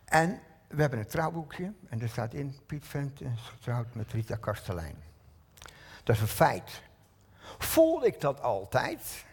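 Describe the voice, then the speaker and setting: A man's voice: medium pitch, very animated, measured pace, a little mellow, slightly rough. An older man preaching a sermon in a church hall, talking straight to his listeners and asking them many rhetorical questions.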